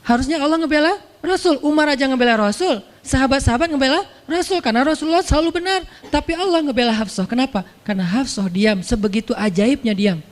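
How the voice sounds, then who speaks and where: A male preacher giving a casual, storytelling sermon, colloquial and lively, acting out the people in his story. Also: very high voice, fast, hardly any pauses. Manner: colloquial, lively, acts out characters' voices. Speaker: Islamic preacher. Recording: long hall reverb.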